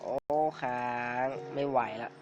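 A man with a cold, short of breath, giving excitable casual commentary on his game as the video's host. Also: takes it slowly. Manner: excitable, frequent startled exclamations. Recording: dull lo-fi recording with clear background music.

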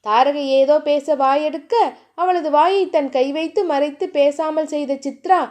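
A woman narrating a family romance novel with steady, expressive storytelling. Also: high voice, a little slow. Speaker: audiobook narrator.

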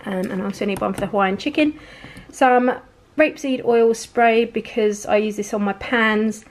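A woman's voice: medium pitch, fairly even intonation, moderate pace, slight background noise. A woman in her thirties from England, casually chatting through a grocery haul at home while filming on a handheld phone, thrifty and full of rambling asides. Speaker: family vlogger. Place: home kitchen, indoors. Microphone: handheld phone camera filming groceries.

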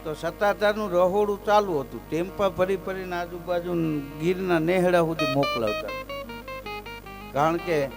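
A man telling folk stories live on stage. He chants verses loudly, then drops into easy chat and lands his punchlines. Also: high-pitched, moderate pace, gravelly, over music. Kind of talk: live folk storytelling with recited verse and jokes.

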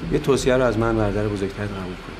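An actor playing a smooth-talking, scheming older brother who gives calm, patronizing advice. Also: male voice, on the low side, background noise, natural voice. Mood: condescending.

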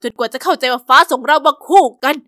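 A woman voicing a pushy, obsessive teenage boyfriend in an animated storybook, speaking insistently and controllingly. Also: sits high, fast talker, no room sound, studio quality. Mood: cold, demanding.

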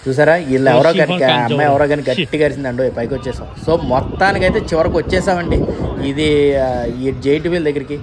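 A man's voice: fairly high pitch, quick pace, over a noisy crowd. A young man with a Telugu accent, chatting directly to viewers as he vlogs an outdoor amusement park on an action camera. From India. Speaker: travel vlogger. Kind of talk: casual vlog narration. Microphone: handheld action camera. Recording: noisy outdoor park ambience.

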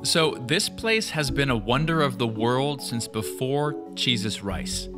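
Guy doing voice-over for a travel vid, joking around, clear music underneath. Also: medium pitch, animated, unhurried. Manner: informal, joking asides. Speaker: travel vlogger narrating. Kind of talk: voice-over narration.

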